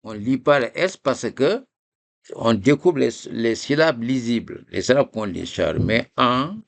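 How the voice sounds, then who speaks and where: A man teaching a recorded reading lesson, slowly repeating a memory phrase syllable by syllable for his students. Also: mid-range voice, animated. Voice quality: gravelly.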